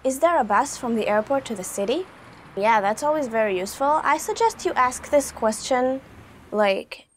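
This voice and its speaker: Chatty woman teacher, bright pitch. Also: normal speed, a little hiss or hum. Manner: chatty, relaxed asides. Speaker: language teacher. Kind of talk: language lesson to camera. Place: indoor studio, plain backdrop.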